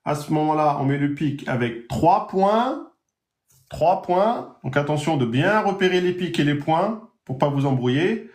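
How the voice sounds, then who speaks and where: A man teaching the Arabic alphabet in a live online lesson, drawing out each example word slowly. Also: a little high, expressive, darkish tone, reverberant. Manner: slow drawn-out pronunciation of example words.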